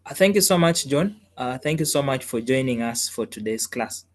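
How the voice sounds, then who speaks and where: A man's voice: mid-range voice, expressive, moderate pace. A man hosting an online engineering class on a video call, welcoming participants and politely thanking each one.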